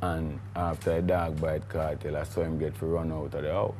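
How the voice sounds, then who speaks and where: Deep Jamaican man, rambling studio guest. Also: level tone, normal speed, warm tone, slight background noise. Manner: rambling, emphatic with patois phrasing. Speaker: guest, recording artiste. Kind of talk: studio interview.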